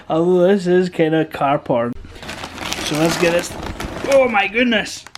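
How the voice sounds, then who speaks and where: A man filming a casual unboxing vlog, excitable and gushing, laughing often and exclaiming as he goes. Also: high-pitched, slow, slight background noise. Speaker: car enthusiast vlogger.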